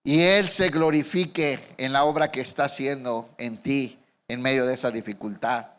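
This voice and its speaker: A man's voice: medium pitch, steady tone, normal speed, fairly bright tone, clean tone. A male pastor preaching a sermon in church, with emphatic, repetitive phrasing and rhetorical questions to the congregation.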